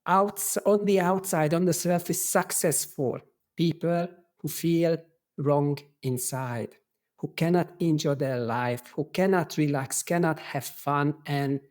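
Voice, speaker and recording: A middle-aged man from Hungary with a strong Hungarian accent, a podcast guest who talks in an earnest, halting way. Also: on the high side. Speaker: podcast guest, qigong instructor.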